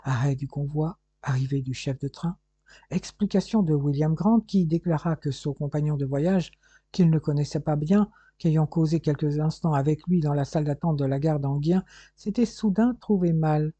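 A man reading an audiobook aloud in a steady, measured narration. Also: on the high side, husky, no echo. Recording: dull lo-fi recording.

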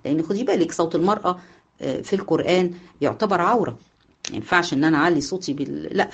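A woman's voice: on the low side, dull audio. A woman with an Egyptian Arabic accent teaching a class, asking her students questions and answering them herself, repeating the key points. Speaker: Islamic jurisprudence teacher. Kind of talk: online class lecture.

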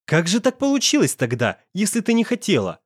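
A man's voice: sits high, wildly swooping pitch, fairly quick, husky, no echo, studio quality, pitched above the performer's own voice, exaggerated voice. A man playing an angry young male student who talks in a coarse, slangy, threatening way. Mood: menacing.

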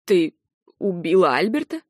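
Woman doing a calm protective young man. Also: normal speed, dry recording, studio quality. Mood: calm, firm. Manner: steady, reassuring, slightly lower.

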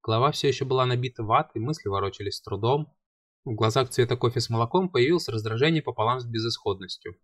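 A man reading a fantasy audiobook aloud in a wry, lively first-person telling. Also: medium pitch, fast, dry recording, studio quality. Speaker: audiobook reader.

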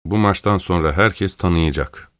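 A man voicing a young male boxer who speaks in terse, flat answers. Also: low-pitched, moderate pace, no echo, studio quality. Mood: defiant.

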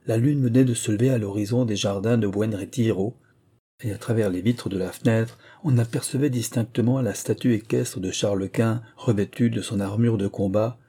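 A man narrating a historical tale in a measured, literary reading. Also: lowish voice, mellow, husky.

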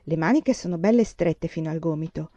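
A woman voicing a lively teenage girl. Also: sits low, a little fast, dry recording, highs cut off. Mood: delighted. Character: teenage girl, eager and practical.

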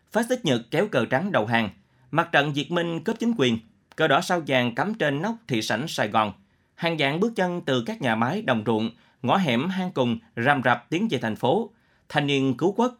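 Man with a fairly high voice narrating. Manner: expressive, dramatic reading. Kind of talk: scripted narration of a novel.

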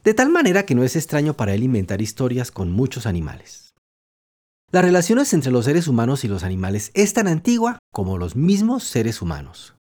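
A man's voice: mid-range voice, huge pitch swings, brisk. A man, host of a children's program, narrating a storybook and talking directly to the young listener. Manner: warm, addresses listener directly. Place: home studio, dog beside him.

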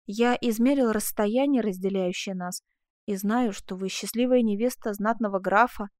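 A woman's voice: mid-range voice, moderate pace, a little mellow, dry recording, clean studio sound, lightly acted. A woman reading an audiobook, voicing a shy young man in love who speaks with hesitant, earnest declarations.

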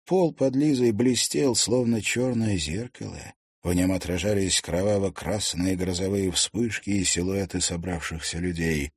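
A man reading a dark fantasy novel aloud in a measured, dramatic narration. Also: low-pitched, fairly even intonation, husky, no echo, studio quality. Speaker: audiobook narrator. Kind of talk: scripted narration.

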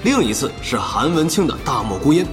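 In an audio drama, a man plays a guest esports analyst, a measured pundit who explains the play thoughtfully and considers each point. His voice is a little high and very animated, and he speaks fairly quickly. A long reverb tail trails his words, with faint music behind.

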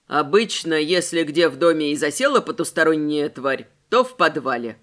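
A woman voicing a teasing young man who grumbles and mocks in a lowered voice. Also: expressive, normal speed. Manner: mocking, lowered voice.

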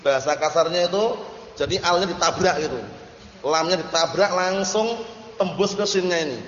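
A man's voice: high-pitched, moderate pace, a bit bright, slight background noise. A man teaching an Arabic lesson in a classroom style, often stopping to ask the students if they understand. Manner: drills students with repeated checks for understanding. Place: large hall, study gathering. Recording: echoey hall, dull lo-fi audio.

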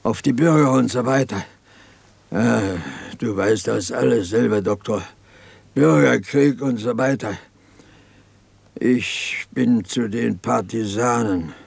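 A gravelly, haunted peasant partisan. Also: male voice, medium pitch, dry recording, exaggerated voice. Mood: brooding. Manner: brooding, halting, pleading confession. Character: haunted, guilt-ridden male peasant partisan. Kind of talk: 1950s radio drama acting.

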